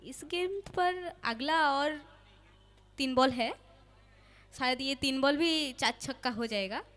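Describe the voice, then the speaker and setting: A woman's voice: high voice, slow, fairly bright tone. A woman chatting casually as co-commentator during a live cricket match.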